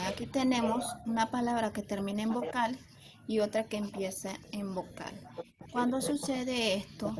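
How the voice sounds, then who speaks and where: A woman teacher explaining poetic meter in a slow, careful way, counting syllables aloud. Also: on the high side. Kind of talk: recorded lesson explanation. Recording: loud background noise.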